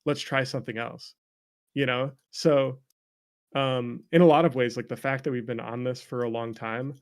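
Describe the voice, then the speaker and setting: As an interview guest, a man chats casually about his work as a game developer, rambling and making self-deprecating jokes. His mid-range voice holds a steady tone at normal speed.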